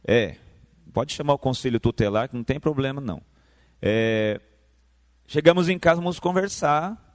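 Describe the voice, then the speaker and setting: A man with a Brazilian Portuguese accent preaching a sermon in a church, moving from quiet, low storytelling to loud, high-pitched shouted preaching. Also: animated, moderate pace, dry recording. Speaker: pastor.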